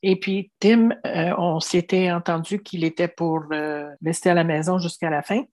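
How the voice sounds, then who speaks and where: A Québécoise woman in her seventies tells her life story in an interview, speaking earnestly and often restarting with "tu sais." Her voice is fairly low and a little mellow, with fairly even intonation at a moderate pace. It's reflective personal storytelling in a Québécois French accent.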